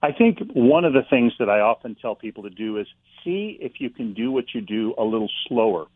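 Male author guest, calm and reflective, dry and slightly muffled line. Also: mid-range voice, fairly quick, husky, no echo. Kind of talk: interview about faith and slowing down.

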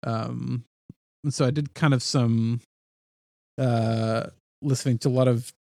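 A man's voice: medium pitch, fairly even intonation, unhurried, creaky, dark tone, no echo, studio quality. A man co-hosting a podcast, talking casually about music with hesitant fillers. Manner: hesitant, many fillers, laughs along. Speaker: podcast co-host.

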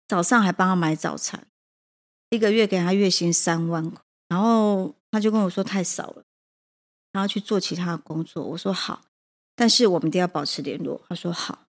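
A woman's voice: medium pitch, a little fast. A woman, a prison teacher and café owner, telling a personal story with emotion and hesitant restarts.

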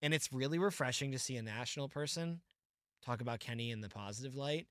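A man's voice: mid-range voice, no echo, clean studio sound. Opinionated man co-hosting a sports podcast. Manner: animated, opinionated, quick asides and mock quotes. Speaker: podcast co-host. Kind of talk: casual sports podcast chat.

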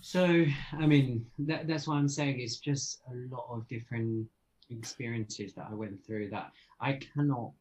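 Man from France, podcast guest, reflective and earnest, mid-pitched, faint noise behind. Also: a little slow, a little mellow, low-quality recording. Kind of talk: casual chat.

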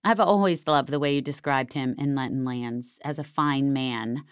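Casting note: earnest woman interviewer with a very low, smooth voice. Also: moderate pace, dry recording. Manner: earnest and empathetic. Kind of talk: interview questions.

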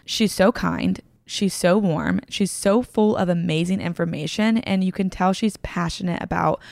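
Woman podcast host, creaky voice, dry close sound, chatty, gushing. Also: lowish voice, normal speed, a little mellow, dry recording. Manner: chatty, gushing, lots of filler "like". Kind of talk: casual podcast intro and interview. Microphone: remote call recording.

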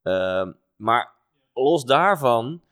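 A man co-hosting a podcast in relaxed, casual chat, pausing often with fillers. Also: medium pitch, clear, resonant tone, dry recording, clean studio sound. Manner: relaxed, hesitant with many fillers. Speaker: podcast co-host. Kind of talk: casual chat about motor racing.

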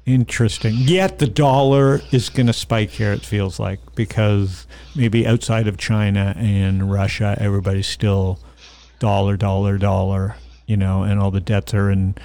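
A man's voice: lowish voice, flat delivery, moderate pace, warm tone. A man interviewing in a casual, opinionated way, often repeating short phrases. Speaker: interviewer and investor.

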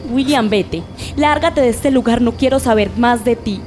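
A woman's voice: on the high side, normal speed, over music, lightly acted. Woman playing a stern, fed-up partner. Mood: reproachful. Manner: reproachful, stern. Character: exasperated sick partner, stern and weary. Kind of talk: amateur radio drama.

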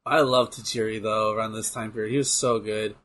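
A man's voice: lowish voice, fairly even intonation, a little fast, a bit bright. A young man casually chatting and joking while playing a game, swearing and laughing often. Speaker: co-host. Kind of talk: casual gaming chat with commentary.

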